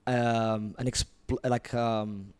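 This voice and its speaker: Smooth-voiced young man telling his story. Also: medium pitch, flat delivery, drawn-out words, darkish tone. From Ethiopia. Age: 20s. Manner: earnest, reflective storytelling. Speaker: clothing brand founder. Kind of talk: casual podcast chat.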